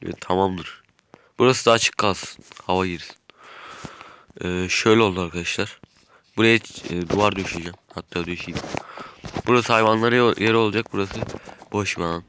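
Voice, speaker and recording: A man's voice: deep voice, fairly quick, long pauses, background noise. A man with a stuffy nose chatting casually as he narrates his game while building, thinking aloud. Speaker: gaming YouTuber. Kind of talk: casual gameplay commentary.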